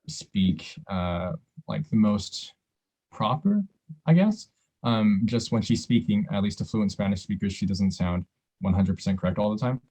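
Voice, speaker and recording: A man with a very deep, mellow voice talks things over casually on a podcast. He rambles thoughtfully and pads his sentences with fillers. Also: rough recording. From United States.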